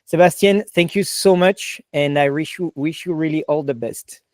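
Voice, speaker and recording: A man's voice: fairly high pitch, normal speed, a little mellow, dry recording, clean studio sound. A man with a French accent hosting a podcast interview, chatty and enthusiastic, full of "like" and "you know". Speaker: podcast host. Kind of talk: casual interview chat.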